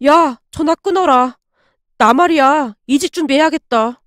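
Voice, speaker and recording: A woman voicing a rash young male office worker who talks in loud, frantic disbelief. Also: sits high, a little slow, dry recording, studio quality. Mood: panicked disbelief. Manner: loud, shouting when drunk, frantic disbelief.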